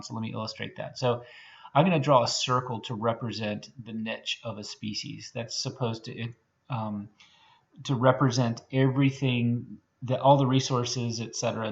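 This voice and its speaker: Gravelly male lecturer, dull recording. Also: medium pitch. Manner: conversational, many fillers and restarts, frequent "okay?" checks. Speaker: biology professor.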